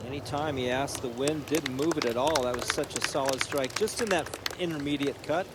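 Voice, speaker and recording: A man's voice: medium pitch, fairly quick. A man giving live golf commentary in clipped, descriptive phrases, with outdoor noise around him. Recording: clear outdoor ambient noise.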